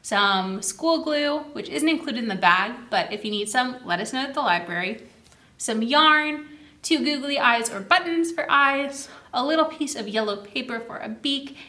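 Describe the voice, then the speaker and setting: Reading to young children at story time, this woman uses a somewhat high, bright voice that sounds pushed, speaking expressively at a normal speed. Between passages she turns to the kids with questions and little prompts, keeping the read-aloud lively.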